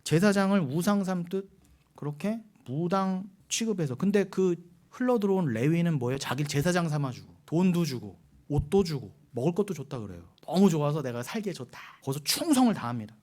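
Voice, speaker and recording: A middle-aged man preaching a sermon as pastor, telling the story in a lively, animated way and acting out voices with mockery. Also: on the high side, a little fast. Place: church sanctuary.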